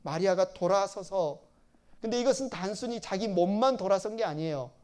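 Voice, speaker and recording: A male pastor preaching a sermon. He repeats phrases, asks the congregation questions and acts out quoted lines with sudden bursts of loudness. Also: sits high, brisk, clear, resonant tone.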